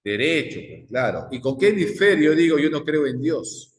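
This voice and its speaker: A man's voice: on the high side, big pitch swings, moderate pace. A male psychology teacher, lecturing a class and firing repeated questions at the students. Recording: echoey classroom with long reverb.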